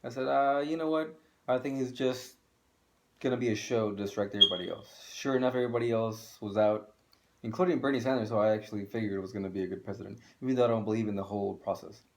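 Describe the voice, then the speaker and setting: A man's voice: lowish voice, fast, slight background noise, rough recording. A man co-hosting a video channel, ranting casually and bluntly, swearing and repeating himself for emphasis. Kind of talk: casual opinion rant.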